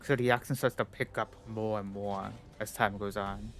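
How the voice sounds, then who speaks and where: Over faint background music, a man streams live and chats as he games, his voice lowish, steady, and fairly bright, at a moderate pace. He's a bit stuffy-nosed and wanders from point to point, leaning constantly on "like" and "you know."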